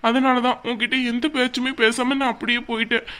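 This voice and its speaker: A woman's voice: fairly high pitch, flat delivery, fairly quick, fairly bright tone, lightly acted. A woman voicing a remorseful young husband who apologizes and soothes in a cartoon. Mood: apologetic. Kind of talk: cartoon voice acting.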